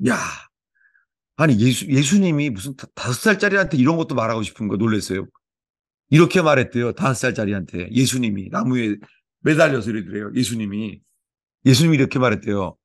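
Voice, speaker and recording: A man's voice: mid-range voice, animated, a little fast, no room sound, studio quality. A man who is a pastor, preaching in a casual way and telling stories, repeating phrases and restarting often. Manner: chatty storytelling, repeats phrases, stumbles and restarts. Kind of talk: informal sermon and sharing time.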